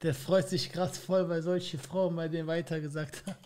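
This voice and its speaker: A man's voice: a little high, steady tone, normal speed, a little hiss or hum. A young man streaming a reaction video, making slangy, teasing remarks and laughing at what he watches. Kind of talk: mocking reaction commentary. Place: indoor streaming room. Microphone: headset with boom mic.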